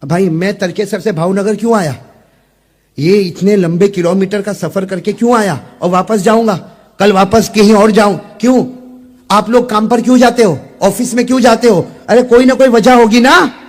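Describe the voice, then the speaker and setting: A man preaching an impassioned sermon to a gathering. He questions the listeners directly and swings from low, confiding talk to loud shouted peaks. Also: normal speed.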